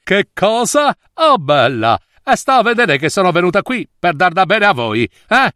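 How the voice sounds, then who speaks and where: Spoiled storybook girl, whiny and rude, high pitch, put on by a man. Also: very animated, normal speed, pushed and bright, no echo, studio quality, full character voice. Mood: sarcastic. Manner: whiny and sulky.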